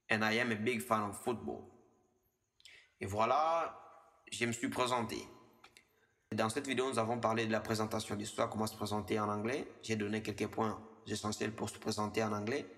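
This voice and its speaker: Guy in his 20s teaching english, says the examples slow and twice, echoey reverb-y room. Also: fairly low pitch, fairly bright tone. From DR Congo. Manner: slows down and repeats the English example phrases. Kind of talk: language lesson explained in French.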